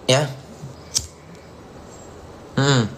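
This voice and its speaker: A man's voice: drawn-out words, noisy background. Angry, taunting man ranting live. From Indonesia. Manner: angry insulting tirade, taunting and mocking; repetitive, peppered with "ya". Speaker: live streamer. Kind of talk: live stream rant while reading viewer comments.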